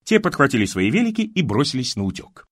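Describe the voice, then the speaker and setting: A man narrating an audiobook in an expressive, wry storytelling manner. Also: medium pitch, fairly quick, no room sound, studio quality.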